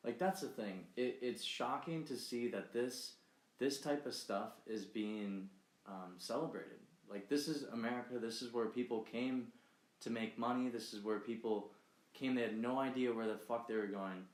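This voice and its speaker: A man's voice: mid-range voice, normal speed. A young man co-hosting a podcast, talking politics in a blunt, heated way and swearing freely. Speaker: podcast co-host. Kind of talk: casual political chat. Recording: echoey room.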